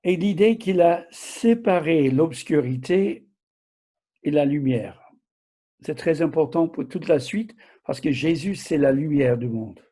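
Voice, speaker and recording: An older man preaches informally in a soft-edged, husky voice. His accent blends southern France with America, and his French is a little broken, with halting self-corrections and small questions to the listener. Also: fairly high pitch, animated. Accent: mixed southern French and American. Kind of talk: informal Bible teaching.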